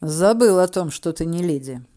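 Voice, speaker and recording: A woman voicing a cool, mocking male elf lord in an audiobook, giving curt, authoritative orders in a lowered, louder voice. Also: fairly even intonation, moderate pace, lightly acted.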